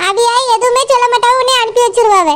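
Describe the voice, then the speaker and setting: A woman's voice: extremely high pitch, steady tone, quick pace, a bit bright. A woman voicing a doting, crafty village mother in a cartoon, with a Tirunelveli Tamil accent. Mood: plotting. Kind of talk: cartoon voice acting.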